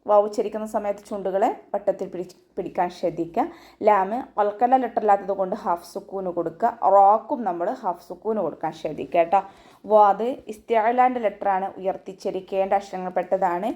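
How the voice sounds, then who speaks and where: Mellow-voiced woman teaching recitation. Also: highs cut off. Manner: steady step-by-step instruction, often ending with a gentle check-in; breaks into slow, high, sustained chanting for verse examples. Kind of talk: online tajweed lesson.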